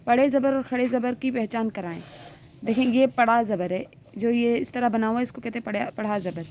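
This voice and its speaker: A woman's voice: fairly high pitch, steady tone, fairly quick, a little mellow, a little hiss or hum. A woman teaching a reading lesson step by step, patiently sounding out letters and stretching the vowels, often checking in as she goes. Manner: keeps checking in with "theek hai".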